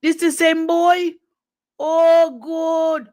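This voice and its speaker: A podcast host voicing a gossiping old acquaintance in a halfway Jamaican accent, with high, drawn-out exclamations. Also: flat delivery, darkish tone, exaggerated voice. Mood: amazed. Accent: Jamaican, put on halfway. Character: gossiping old acquaintance amazed at a rich former classmate.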